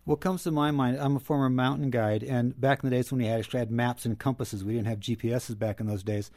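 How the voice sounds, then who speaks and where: A man's voice: mid-range voice, fairly even intonation, fast, a little mellow, no room sound, clean studio sound. A man who is a guest counselor on a roundtable, telling stories with a lightly sarcastic edge. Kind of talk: casual roundtable talk.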